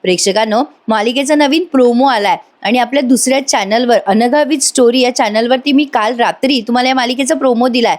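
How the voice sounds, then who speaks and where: A woman's voice: fairly high pitch, brisk, hardly any pauses. Chatty woman recapping a TV serial. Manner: chatty, addresses viewers directly. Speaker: serial episode reviewer. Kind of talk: voice-over episode recap.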